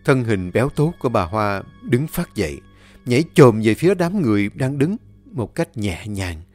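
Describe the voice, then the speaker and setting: A man tells a village horror tale in a measured, dramatic narrating voice. His pitch sits in the middle range. Faint music plays quietly beneath him. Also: big pitch swings. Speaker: storyteller. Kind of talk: scripted horror audiobook narration. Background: faint background music.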